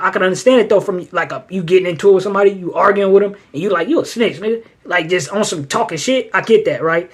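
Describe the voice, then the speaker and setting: Husky-voiced man hosting street commentary. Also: sits high. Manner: street slang, loose rambling talk. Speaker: show host. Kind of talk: casual commentary.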